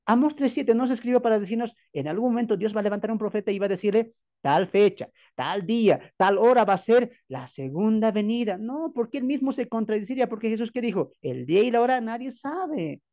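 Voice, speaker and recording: A man's voice: high-pitched, expressive, fairly quick, dark tone, lo-fi sound. A man from Bolivia, a pastor teaching from the Bible in an emphatic preaching style full of rhetorical questions and repeated phrases. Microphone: video call.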